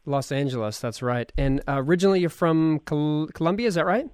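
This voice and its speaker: A man's voice: on the high side, brisk, a little mellow, smooth, no room sound. A man hosting a podcast, chatting casually and rambling with many fillers. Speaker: podcast host.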